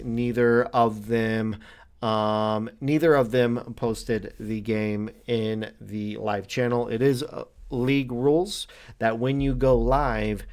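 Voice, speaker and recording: A man hosting a weekly league show, explaining rule violations in a halting but firm way with many fillers. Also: mid-range voice, clean tone. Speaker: league commissioner host. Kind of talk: casual league update talk.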